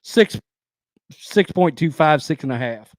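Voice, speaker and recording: A man's voice: fairly high pitch, animated, measured pace, dry recording. A man co-hosting a casual movie podcast, blunt and crude in a laid-back way. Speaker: podcast co-host.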